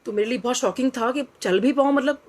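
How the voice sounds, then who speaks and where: A middle-aged woman recounts a personal testimony in an earnest, reflective way. Her voice sits a little higher than most women's, and she often slips into quoted dialogue and English phrases. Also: fast. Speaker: devotee sharing a testimony. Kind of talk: personal storytelling.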